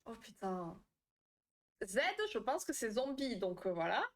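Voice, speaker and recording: A woman's voice: medium pitch, lively intonation, measured pace. A young woman chatting casually with viewers on a live stream, laughing often and answering their comments. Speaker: live stream host, therapist.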